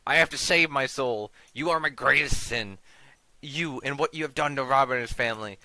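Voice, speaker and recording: A man's voice: mid-range voice, fairly quick, pushed and bright, no echo, rough recording. A man voicing a gaunt, guilt-ridden old nobleman driven mad, ranting and menacing in a raised voice.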